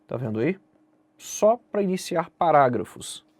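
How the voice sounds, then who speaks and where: A man's voice: on the high side, big pitch swings, unhurried, a little mellow, no echo. A Brazilian man teaching an online exam-prep lesson, speaking directly to the viewer and asking and answering his own questions. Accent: Brazilian Portuguese. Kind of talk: online lesson explaining essay grading.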